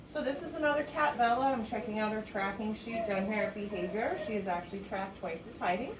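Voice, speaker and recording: Briskly but patiently, a woman explains shelter cat care to volunteers in a soft voice, lapsing into high sing-song baby talk when addressing the cats. It's recorded in an echoey cat room at the shelter, from a distance, with noise in the background.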